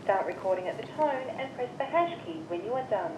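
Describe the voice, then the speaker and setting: A woman's recorded voice reading voicemail system menu prompts in measured, evenly spaced instructions, heard through a phone speaker. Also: fairly high pitch, sing-song, darkish tone. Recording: muffled, echoey phone speaker with hiss.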